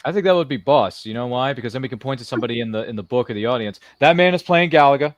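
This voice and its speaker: A man with a medium-pitched voice races along with lively intonation as the host of a casual live interview show. Between viewer comments he makes jokey, slangy, theatrical remarks to people who aren't there. The audio is dull, with no room sound.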